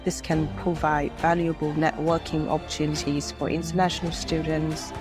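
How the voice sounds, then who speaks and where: A woman's voice: low-pitched, flat delivery, moderate pace. A female student giving a promotional testimonial in a slightly hesitant way. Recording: music bed behind voice.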